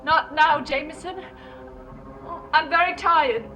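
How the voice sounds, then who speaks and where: Heartbroken young maid, calling through a door, high-pitched, loud score under her. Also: slow pace, far from the mic, music in the background. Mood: weary. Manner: tired, tearful. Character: young woman servant, heartbroken and despairing. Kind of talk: scripted TV drama acting.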